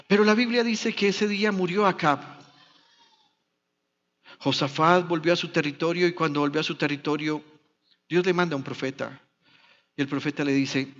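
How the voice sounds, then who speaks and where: A man's voice: on the high side, a bit bright, big-room sound, highs cut off. A Colombian man, a pastor, preaching a sermon in a church, telling biblical stories with dramatic shifts of voice. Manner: dramatic storytelling, acting out biblical dialogue.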